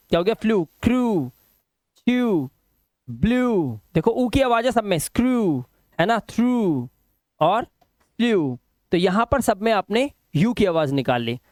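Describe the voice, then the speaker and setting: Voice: mid-range voice, no echo. English teacher, pronunciation lesson, drills example words, stretched vowels, asks the class questions, dry close recording. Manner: stretches vowels slowly when modelling words.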